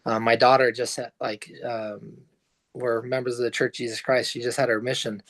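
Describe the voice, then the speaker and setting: A man's voice: medium pitch, level tone, moderate pace, a bit bright. A man chatting as a guest on a video call, easygoing and rambling. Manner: easygoing, rambling with fillers and restarts. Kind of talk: casual chat on a video call.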